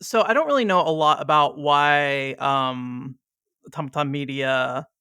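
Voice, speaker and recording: Smooth, curious podcast host. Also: mid-range voice, a little slow, pushed and bright, no room sound, studio quality. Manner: curious, rambling questions. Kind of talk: casual interview chat.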